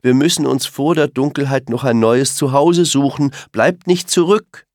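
A man voicing a caring mother deer in a children's story, soft and soothing. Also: extremely low pitch, big pitch swings, a little slow, no room sound, studio quality, heavily acted. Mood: calling.

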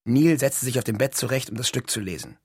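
Husky male audiobook narrator. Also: mid-range voice, animated, a little fast, darkish tone, no echo, studio quality. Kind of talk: scripted narration.

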